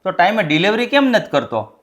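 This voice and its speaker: A stern, scolding elder brother. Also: male voice, sits high, very animated, a little fast, fairly bright tone. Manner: scolding, exasperated. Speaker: elder brother running the family business. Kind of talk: Gujarati family stage drama.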